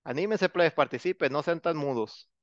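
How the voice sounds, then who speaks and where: A man's voice: a little high, normal speed, no echo. Male teacher, chatty and teasing, slightly raised voice, dry and dull lo-fi audio. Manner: chatty, teasing, coaxes students to speak up. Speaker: English teacher. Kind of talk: online class lecture.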